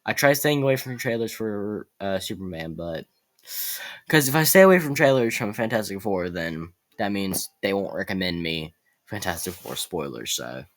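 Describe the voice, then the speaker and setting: Male movie vlogger, low voice, excitable, rambling, casual chat. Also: normal speed. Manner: excitable, rambling with self-corrections.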